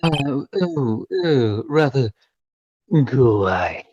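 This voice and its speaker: A man's voice: medium pitch, lively intonation, very slow, dull audio, very noisy. A man voicing a formal, evasive hotel bellboy in a game read-along, hesitant and old-fashioned in his politeness, with a sinister edge. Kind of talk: video game read-along role-play.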